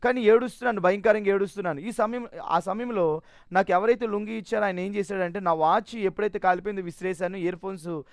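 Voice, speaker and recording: A man's voice: high voice, fast, no echo, clean studio sound. A man giving a personal testimony in an earnest, emotional way, often restarting his sentences.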